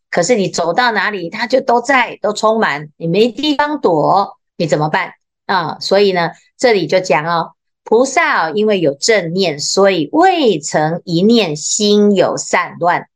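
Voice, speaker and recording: A woman with a Taiwanese Mandarin accent, a Buddhist nun giving a dharma talk in a lively way, full of little interjections, slowing down to read sutra lines. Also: medium pitch. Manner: slows down when reading sutra lines. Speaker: Buddhist nun teaching scripture.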